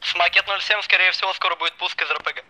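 Sharp, high male voice on helmet radio. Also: fairly even intonation, rapid-fire, low-quality recording. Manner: clipped, repeats reports like a radio operator. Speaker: drone operator in online military game. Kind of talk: radio-style tactical reports during gameplay. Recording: game radio chat with faint noise.

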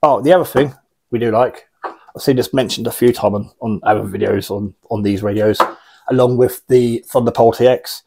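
A British radio hobbyist in his forties gives a casual, unscripted gear review in a small indoor radio room, wry, blunt and rambling. His voice is medium-pitched and steady at normal speed, warm, creaky and slightly rough.

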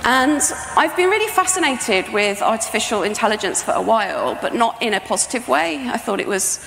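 A middle-aged woman, a sound artist presenting a project, gives an informal, explanatory conference talk on stage at an indoor venue with a projection screen, in a conversational manner. Her fairly high voice is very animated, slightly fast, gravelly and a bit bright, recorded in an echoey hall with faint background noise.

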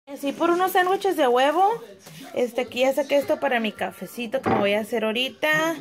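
A woman's voice: high voice, a little fast, crowd noise. A young woman, chatting casually to her viewers in a home kitchen vlog. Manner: chatty, talks to viewers as friends. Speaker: vlogger.

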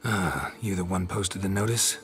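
Geralt, a gruff, very deep-voiced witcher. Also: moderate pace, a bit bright, soft background music. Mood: dry. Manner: terse, dry, sardonic. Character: gruff world-weary male monster hunter, middle-aged. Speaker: witcher taking a contract.

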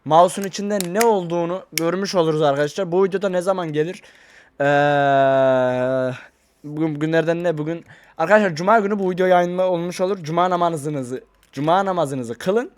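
A man talking casually to his viewers in a vlog, rambling and excitable, into a desk microphone. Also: a little high, fairly quick, clear, resonant tone. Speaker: YouTuber. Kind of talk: casual vlog talk to camera.

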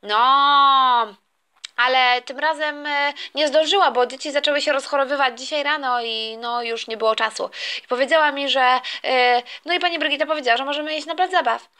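A woman's voice: high-pitched, steady tone, normal speed, sharp tone. A woman voicing a whiny, scheming young boy who doesn't want to go to kindergarten, in a toy play story. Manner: whining, complaining, stammering.

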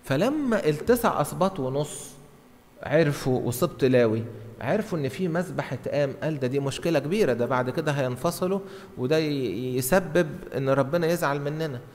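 A man's voice: a little high, expressive, fairly quick, a little mellow. A middle-aged man with an Egyptian Arabic accent, a priest preaching an explanatory Bible lesson conversationally from a church lectern. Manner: conversational, acts out dialogue, repeats short phrases for emphasis. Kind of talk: Bible teaching sermon, explanatory. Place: large church interior at a lectern. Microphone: gooseneck lectern microphone. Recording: reverberant church hall.

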